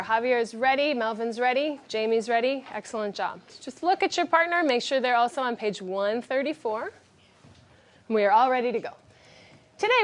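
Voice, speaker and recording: A woman teacher leading a classroom vocabulary lesson, speaking clearly and directively and praising her students often. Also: sits high.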